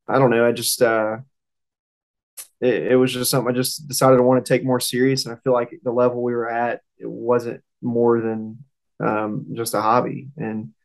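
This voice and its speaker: This is a young man with a Southern accent, a race car driver being interviewed, who goes over his career loosely and hesitantly, often rambling. His voice sits on the low side with vocal fry, captured on a low-quality recording.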